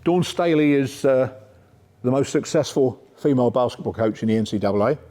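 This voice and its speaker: A man's voice: mid-range voice, animated, a little fast, mellow. A middle-aged man giving a conversational coaching workshop talk, often checking in with "yeah?". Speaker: sport psychology speaker. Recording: reverberant lecture room.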